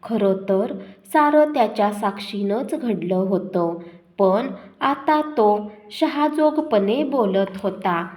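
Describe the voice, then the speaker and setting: A woman narrating a first-person village story in a measured, dramatic way. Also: medium pitch, lively intonation, a little mellow.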